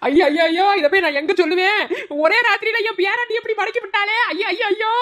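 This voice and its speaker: A shrill, bright old granny from a cartoon, with a Madurai accent. She scolds in a rapid, sharp patter and wails in dramatic complaint. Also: steady tone. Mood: wailing. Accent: Madurai Tamil. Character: fussy old village grandmother, scolding and wailing.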